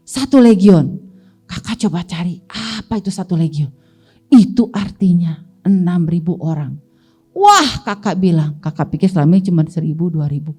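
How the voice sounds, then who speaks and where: A woman Sunday school teacher with an Indonesian accent, telling children a Bible story and asking them questions along the way. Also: a little high. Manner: lively, asks the children questions and answers them.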